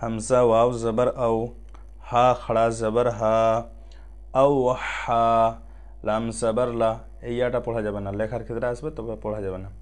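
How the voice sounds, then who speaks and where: A man with a Bengali accent teaching Quran reading, spelling out letters and vowel marks, drawing out each syllable slowly and then explaining quickly. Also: medium pitch, level tone, smooth. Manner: slow drawn-out syllables alternating with quick spoken explanations. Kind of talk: spelling out Arabic letters and vowels in a recitation lesson.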